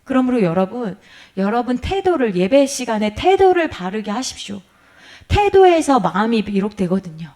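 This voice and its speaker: A woman's voice: a little high, very animated, moderate pace, a little mellow. A middle-aged woman pastor giving a sermon lecture, asking the congregation questions and acting out quoted complaints.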